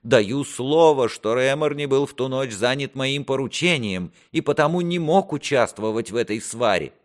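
A man's voice: medium pitch, expressive, normal speed, voice pushed up, lightly acted. A man voicing a repentant young prince who earnestly begs his father for mercy. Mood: pleading. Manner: earnest, imploring. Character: repentant young male prince, pleading son.

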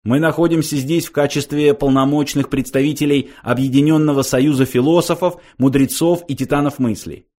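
A man's voice: on the high side, steady tone, fairly quick, hardly any pauses, darkish tone, voice pushed up, lightly acted. A man voicing an indignant older male philosopher, pompous and easily exasperated.

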